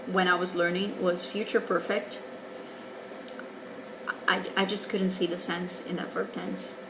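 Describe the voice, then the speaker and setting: A Brazilian woman in her twenties, a native Portuguese speaker with a Brazilian accent, works as an English teacher and explains things frankly in a casual video reply. Her fairly low voice is candid and wry yet patient, with background noise present.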